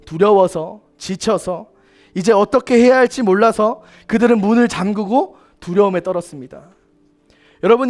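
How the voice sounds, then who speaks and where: A man preaching a sermon at a church service, earnest, putting rhetorical questions straight to his listeners. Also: sits high. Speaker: youth ministry preacher.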